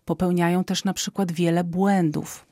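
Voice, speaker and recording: A woman speaking as an expert guest in an interview, explaining calmly with frequent hesitation fillers and a habit of ending points with a questioning tag. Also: fairly low pitch, normal speed, dry recording, clean studio sound. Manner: calm and explanatory, often ends points with a questioning "tak?".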